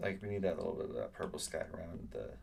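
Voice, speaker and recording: Drawing on a live stream, this young art teacher rambles casually, packs in fillers, and reads viewers' chat comments aloud to respond. His low, creaky voice is animated and rapid-fire with a darkish tone, over a little hiss or hum.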